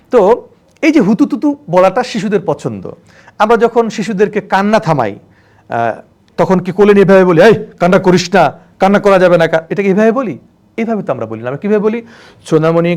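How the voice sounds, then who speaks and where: A man lecturing trainee teachers, animated, acting out examples in changing tones and mixing in English words. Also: on the high side. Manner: religious phrases and English words mixed in.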